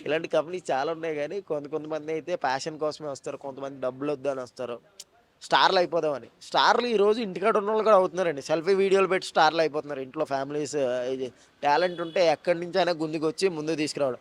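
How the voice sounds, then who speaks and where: Fast-talking man, animated. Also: a little high. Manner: fast, animated storytelling with joking asides. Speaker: actor and mimicry artist. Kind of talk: casual interview talk.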